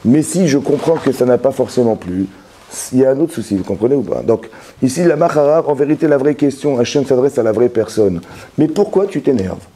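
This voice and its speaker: A man's voice: medium pitch, animated, fairly quick, warm tone. A man, a rabbi, giving a Torah lesson that explains with everyday examples, with many restarts and repeated words, often checking that his listeners follow.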